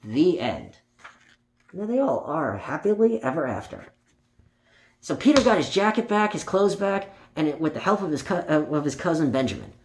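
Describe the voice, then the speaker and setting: Using big pitch swings and a slightly high voice at normal speed, a man reads a picture book to young listeners, chatting playfully as he goes. The home recording sounds roomy, with faint noise.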